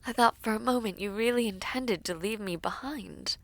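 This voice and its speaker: This fantasy romance audio roleplay features a woman as a poised, affectionate, teasing villainess princess, her formal courtly lines delivered breathily and often nearly whispered. Her voice is on the high side and close to an everyday voice, at a moderate pace in a dry recording, and her mood is tender and teasing.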